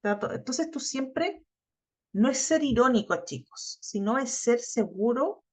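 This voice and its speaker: A woman's voice: fairly high pitch, animated, a little slow. Chatty Chilean woman teaching online. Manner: chatty, addresses students directly, acts out quoted teens. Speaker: course instructor. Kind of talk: online class lecture. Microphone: video call. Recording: lo-fi muffled video-call audio.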